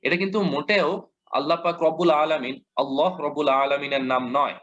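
A man's voice: fairly high pitch, fairly even intonation, a bit bright. Patient male recitation teacher, lo-fi audio. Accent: Bangladeshi Bengali. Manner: patient, repeats examples, models slow recitation. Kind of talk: explanatory lesson. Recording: dull lo-fi audio.

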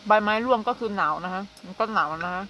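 Bright-voiced chatty woman vlogger. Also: medium pitch, slight background noise. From Thailand. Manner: chatty and unhurried, with frequent soft hums and polite particles. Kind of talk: casual chat to camera.

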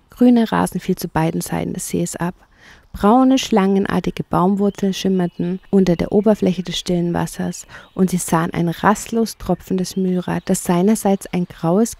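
A woman calmly narrating a children's bedtime story. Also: fairly low pitch, creaky, no echo. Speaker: audiobook narrator.

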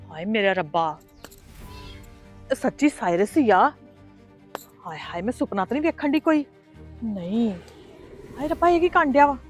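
A melodramatic Punjabi mother who schemes and frets, her voice pitched high, as a woman plays her. She cries out in wailing exclamations. Faint music runs beneath her. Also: close to an everyday voice. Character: scheming middle-aged mother, shrill and defensive. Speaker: mother of grown sons. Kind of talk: village family web drama.

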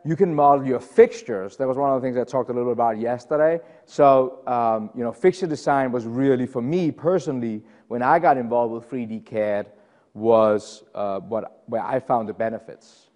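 A conference presenter, a middle-aged Dane with a Danish accent, talks through a technical session in a conference room in a relaxed, chatty manner with fillers and self-deprecating comments. He speaks at a medium pitch and moderate pace with a darkish tone; the audio is dull with a long reverb tail.

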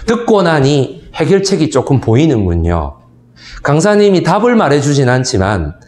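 A man in his thirties giving a history lecture to seniors. He tells stories and keeps asking the audience for agreement. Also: fairly high pitch. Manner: animated storytelling, asks the audience for agreement. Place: lecture hall. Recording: echoey hall.

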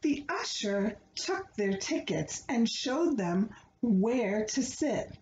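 In a slightly high voice, a middle-aged woman reads a children's storybook with expressive, deliberate phrasing for young listeners. The recording, made in a small living room, is roomy and dull, with background noise.

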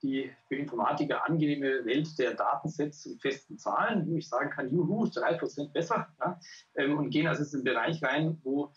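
A man's voice: fairly high pitch, fairly quick. A young adult man who is a computer scientist, explaining his work in a chatty way on a video call. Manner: chatty, often adds tag questions. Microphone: earphones with a mic on a video call. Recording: dull lo-fi call audio.

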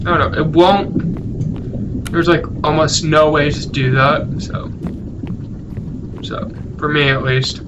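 A man's voice: a little high, fairly even intonation, takes it slowly, pauses often, muffled recording, background noise. A man giving casual gameplay commentary as a gaming channel host, rambling and often correcting himself as he talks. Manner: rambling, self-correcting, chatty.

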